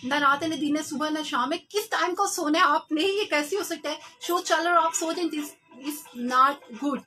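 A woman's voice: high voice, a little slow, sharp tone, faint music behind. A young Pakistani woman, hosting a live radio show in a small studio, chatting to listeners and mixing in English phrases. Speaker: radio host. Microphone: large studio mic.

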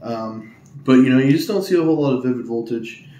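A man talking quietly and in a flat monotone while opening trading card packs at home, rambling with many ums and uhs in a casual vlog. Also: medium pitch, brisk. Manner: monotone, hushed tone to avoid waking others. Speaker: Pokemon card opening YouTuber. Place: at home indoors. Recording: echoey room with faint ambient noise.

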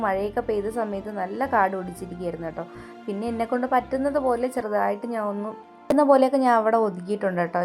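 A young Malayali woman narrating her Sunday at home in a chatty voice-over, often adding little tag questions. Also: medium pitch. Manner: chatty, keeps adding "കേട്ടോ". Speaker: home vlogger, mother.

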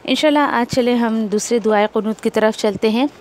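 A woman from India teaching Quran recitation rules, explaining each sound patiently and repeating syllables slowly to show them. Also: on the high side, darkish tone. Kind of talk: tajweed lesson, explaining and modelling recitation.

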